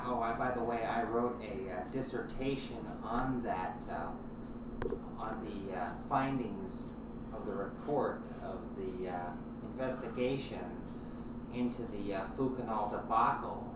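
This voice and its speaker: A man playing a condescending talk radio host who rambles with filler words and erupts into yelling at callers. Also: mid-range voice, lightly acted. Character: pompous insulting male talk radio host. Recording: echoey, distant, with loud background noise.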